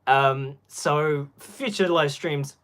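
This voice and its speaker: A man's voice: on the high side, extremely slow, fairly bright tone. A young man giving casual live-stream commentary on a phone, rambling and packing his talk with filler words.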